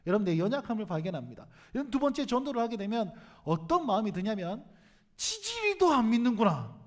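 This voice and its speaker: A man's voice: high voice, fast talker. A middle-aged male pastor preaching a sermon, telling stories and acting out the voices in them. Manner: animated, acts out quoted voices with sudden loud bursts and quiet asides. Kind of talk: sermon with lively storytelling.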